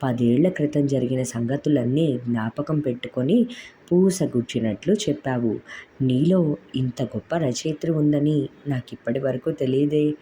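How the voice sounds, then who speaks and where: A man's voice: mid-range voice, moderate pace, mellow, slight background noise, close to an everyday voice. A coaxing young husband, told by a woman storyteller. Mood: teasing. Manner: coaxing, playfully pleading. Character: affectionate teasing young husband.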